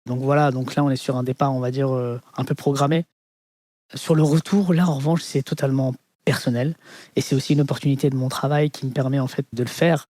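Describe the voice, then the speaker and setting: A man from France with a Parisian French accent, in his thirties, telling his life story in an interview and pausing often on fillers. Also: mid-range voice, fairly even intonation, a little mellow, no room sound. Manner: hesitant, many fillers like "on va dire". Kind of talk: reflective personal testimony.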